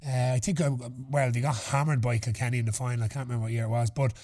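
A man's voice: mid-range voice, flat delivery, rapid-fire, darkish tone. Irish male, aged thirty, podcast host; casual, slangy anecdotal delivery with some swearing. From Ireland. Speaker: podcast host answering listener questions. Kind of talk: casual chat.

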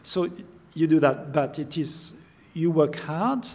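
This older man from France is a chef being interviewed, and his French accent is clear. His voice is fairly high, expressive, and darkish in tone, and he takes it slowly, often repeating words as he looks for the phrasing.

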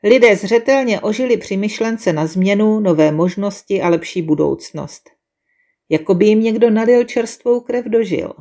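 A woman reading a storybook tale aloud with calm, measured narration. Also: mid-range voice.

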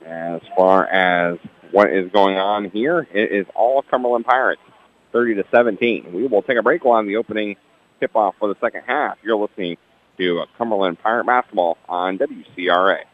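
Deep-voiced male radio sports announcer, lo-fi broadcast. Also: normal speed. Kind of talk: local radio basketball commentary.

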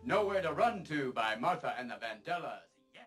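An actor playing a radio DJ who fires off manic, wisecracking patter into a studio microphone with loud bursts. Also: male voice, on the high side, very animated, fairly quick, soft background music.

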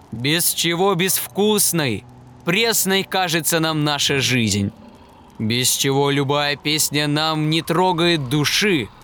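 A man voicing a hungry, menacing male dragon with a slow, growling delivery in a storybook reading. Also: fairly high pitch, fairly bright tone, slight background noise, voice pushed down.

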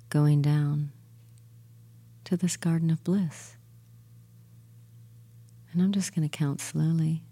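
A woman guiding a relaxation and hypnosis session in a soothing, gentle, soft murmur that is breathy and near a whisper at times, with long pauses. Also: deep voice. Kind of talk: guided meditation and hypnosis induction.

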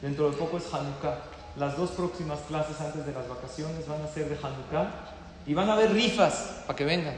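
A middle-aged man, a rabbi teaching a lively Torah class, telling stories and asking his listeners questions. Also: a little high, fairly quick, a crowd in the background. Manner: storytelling, asks the audience questions. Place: classroom or hall, in front of a group. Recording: echoey hall with long reverb.

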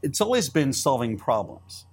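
An Israeli entrepreneur in middle age, a native Hebrew speaker, appears as a guest in an interview conversation. His mid-range, sing-song voice has a breathy edge, and he talks fast, repeating words and constantly restarting sentences.

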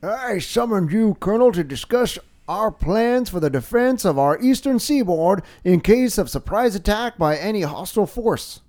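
A man voicing a stiff, formal military officer, speaking in a slow, pompous briefing tone. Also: high voice, animated, darkish tone, pitched above the performer's own voice.

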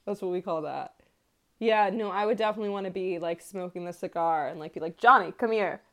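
A woman's voice: on the low side, quick pace, a little mellow. A woman co-hosting a casual chat over a video call, with dry jokes and a lot of agreeing fillers. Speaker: podcast co-host.

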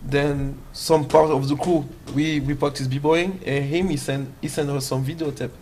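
A man from France with a French accent, a guest dancer telling his story in halting English full of fillers. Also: a little high, steady tone, noisy background. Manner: halting non-native English with many fillers. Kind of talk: casual interview.

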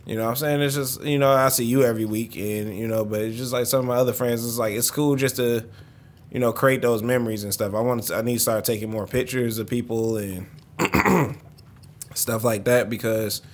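A man's voice: mid-range voice, brisk. A young man, chatting casually and profanely as a podcast co-host, telling stories. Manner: laid-back, profane, storytelling. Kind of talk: casual chat.

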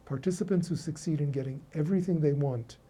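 A man delivering a scripted academic lecture in a formal, measured, erudite professorial manner, with a husky voice. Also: on the high side, warm tone.

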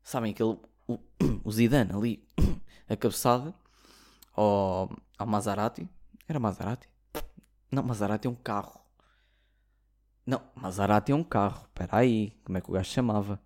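A man's voice: lowish voice, moderate pace, pauses often, a little mellow. A young man from Portugal with a European Portuguese accent, ranting in a casual comic monologue, sarcastic and swearing freely. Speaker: comedy podcaster.

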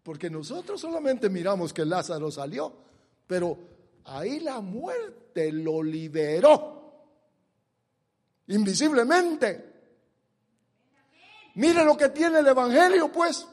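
A man preaching a sermon, swinging from quiet asides to loud, forceful declarations. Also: very high voice, very animated, slow pace, long pauses, big-room sound. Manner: dramatic swings from soft to shouted.

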